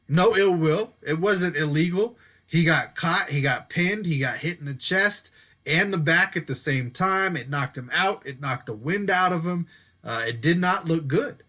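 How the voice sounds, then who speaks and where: A man's voice: mid-range voice, sharp tone. A man hosting a solo sports show in a casual, chatty way, sometimes stopping to correct himself. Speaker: sports podcast host. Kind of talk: solo sports commentary talk. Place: Denver.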